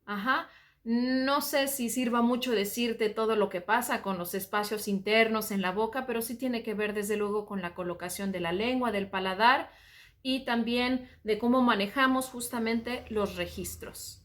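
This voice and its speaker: Bright-voiced Mexican woman explaining vocal technique. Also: on the high side, normal speed. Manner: calm explanatory talk, often saying "ajá". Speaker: voice and singing teacher. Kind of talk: explaining singing technique with sung examples.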